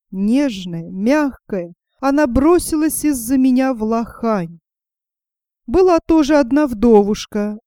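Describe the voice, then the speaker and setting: A woman voicing a boastful male shirt collar, a vain dandy who talks slowly and flatters in a fairy-tale reading. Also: medium pitch, clean tone, no echo, studio quality, natural voice.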